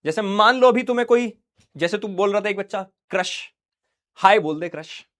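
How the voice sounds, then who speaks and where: Playful high-voiced male science teacher. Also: normal speed, fairly bright tone. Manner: playful, acts out scenes, teasing students. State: unwell. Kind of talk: online class lecture.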